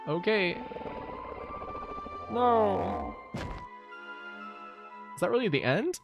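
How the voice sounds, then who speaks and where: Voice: medium pitch, huge pitch swings, drawn-out words, gravelly, faint music behind. A video game streamer giving casual, wry, joking commentary on a playthrough.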